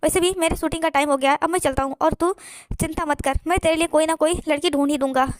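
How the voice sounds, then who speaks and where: A young actor answers his friend calmly and with dry teasing, as a woman voices him. His voice sits high and moves quickly, recorded close and dry. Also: dry recording, lightly acted. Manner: calm, teasing.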